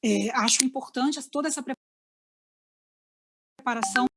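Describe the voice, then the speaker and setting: A woman's voice: sits high, normal speed, fairly bright tone, a little hiss or hum. A woman with a Brazilian accent giving an online lecture to lawyers, explaining step by step and often checking in with her listeners over a video call. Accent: Brazilian Portuguese.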